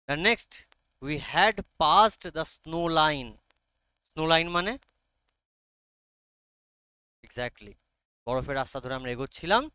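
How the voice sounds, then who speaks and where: He speaks on the high side, pushed and bright yet smooth, with no room sound. This Bengali-accented online teacher takes an English text line by line, coaxing students, checking often whether they follow and reading each English line very slowly.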